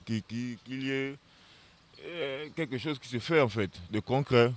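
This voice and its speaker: A man, a local resident in a street interview, speaking in a weary, halting way. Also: medium pitch. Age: 30s. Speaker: flood-affected resident.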